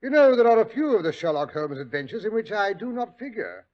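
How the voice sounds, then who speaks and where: An actor playing a genial, chatty old English doctor with a British accent and a fussy storyteller's manner in a 1940s radio drama. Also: male voice, sits high, very animated, brisk, muffled recording. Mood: mock indignant. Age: older.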